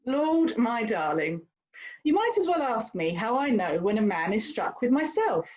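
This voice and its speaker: A woman acts a haughty young lady in a period stage play, sounding exasperated as she lectures like a condescending, worldly older sister with theatrical emphasis. Her fairly high voice swoops, sing-song, a little slow and a little mellow, on dull, slightly lo-fi audio.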